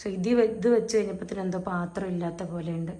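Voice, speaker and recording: A young mother vlogging from her home kitchen, talking to viewers in low, soft asides. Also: fairly even intonation, racing. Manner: high sing-song baby talk with her toddler. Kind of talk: casual home vlog.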